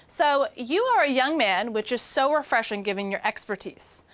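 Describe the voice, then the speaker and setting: Higher-voiced woman hosting an interview show. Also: lively intonation, moderate pace, a bit bright.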